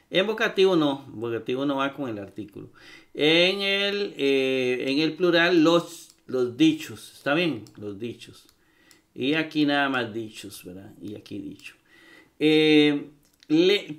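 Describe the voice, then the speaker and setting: A man giving a recorded grammar lesson. He talks haltingly, with many fillers and repeated words, and checks in with his listeners. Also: on the high side, fairly bright tone. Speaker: Greek grammar teacher.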